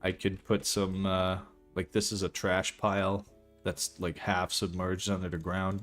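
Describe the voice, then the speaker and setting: A young Belgian man who isn't a native English speaker streams himself building a game map, his voice on the low side. His livestream commentary is casual and rambling, with occasional swearing as he walks viewers through the map.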